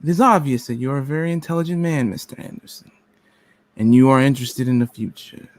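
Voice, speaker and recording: A man reading a cold, menacing government agent in a radio play, speaking slowly, deliberately and formally. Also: mid-range voice, darkish tone, no echo, close to an everyday voice. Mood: measured, formal.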